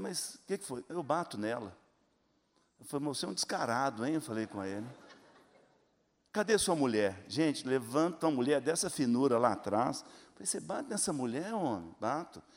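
A man's voice: high-pitched, in a large hall. An older man preaching a sermon, telling stories and acting out the voices of people in them with emphatic delivery. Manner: emphatic, acts out quoted voices in dialogue. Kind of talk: sermon with storytelling.

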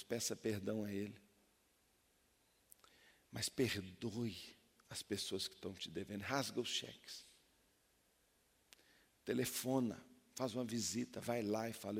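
A pastor delivers an impassioned sermon. His delivery builds to loud, fervent peaks. His voice is heavily gravelly and husky, with a long reverb from a church hall. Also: fairly low pitch, steady tone, unhurried, long pauses.

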